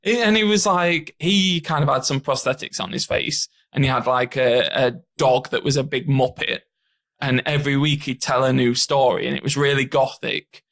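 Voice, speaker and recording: A man's voice: medium pitch, fairly even intonation, moderate pace, fairly bright tone. A man co-hosting a podcast, chatting loosely about a film, rambling and laughing often. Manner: rambling, laughs often, slips into silly voices. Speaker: podcast co-host. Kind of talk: casual film chat.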